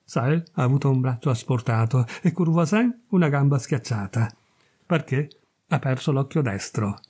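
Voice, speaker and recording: An ashamed, evasive young captain, voiced by a male reader speaks in a low, husky voice with a mellow, dark color. He stammers in embarrassment and keeps his lines short and uneasy. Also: animated, normal speed. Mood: somber. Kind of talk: audiobook reading of a classic tale.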